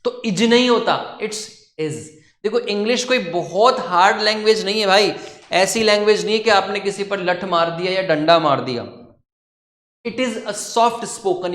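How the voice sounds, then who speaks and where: Man, teacher, high voice, chatty storyteller, echoey classroom. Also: a bit bright. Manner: chatty, storytelling, says "ठीक है" often. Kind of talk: classroom lecture with a joke. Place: coaching classroom.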